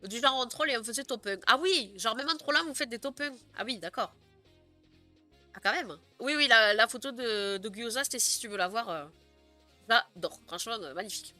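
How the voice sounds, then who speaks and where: A woman's voice: on the high side, brisk, sharp tone, soft background music. A young woman streamer chatting casually with her viewers, giggling often and filling her talk with "euh" and "genre". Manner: chatty, giggly, many fillers. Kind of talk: casual live stream chat.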